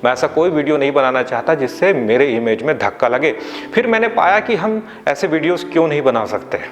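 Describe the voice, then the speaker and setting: A man with an Indian accent teaching English vocabulary in a lesson, announcing each new word on a raised note and then dropping low to sum it up, spelling words out and correcting pronunciation. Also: expressive, a little fast, in a large hall.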